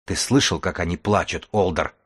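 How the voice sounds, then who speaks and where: Hoarse, desperate healer woman from a grim post-apocalyptic audiobook, read by a man: low and husky, bitter and pleading. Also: normal speed, fairly bright tone. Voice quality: hoarse, rasping.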